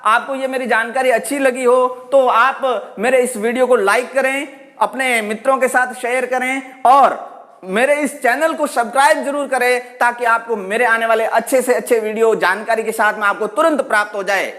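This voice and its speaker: Very high-voiced man teaching pronunciation. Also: fairly even intonation, moderate pace, bright, forceful tone. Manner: patient, explanatory, demonstrates sounds aloud. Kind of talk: spoken lesson on pronunciation.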